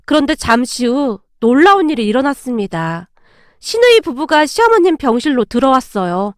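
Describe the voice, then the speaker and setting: High-voiced woman narrating a story. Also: moderate pace, dry recording, clean studio sound. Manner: even, storytelling.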